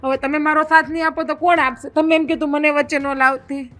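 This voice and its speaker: An actress with a Kathiawadi Gujarati accent playing a sharp-tongued, bossy young village wife who scolds her husband. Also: high-pitched, level tone. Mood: sulky. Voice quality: quick, scolding, then sugary to her husband. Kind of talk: Gujarati family drama acting.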